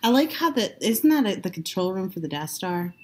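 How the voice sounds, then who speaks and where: A woman chatting casually while watching a movie, joking and trading quick asides. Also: mid-range voice, sing-song, a little hiss or hum. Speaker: movie commentator.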